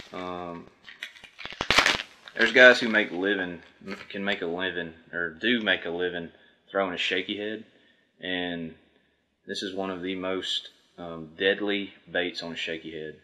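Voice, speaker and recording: In his thirties, a man hosts a fishing video from a table indoors in front of a backdrop, going through products casually and matter-of-factly to camera. His deep, steady voice is bright and forceful, measured in pace with long pauses, but the audio is poor.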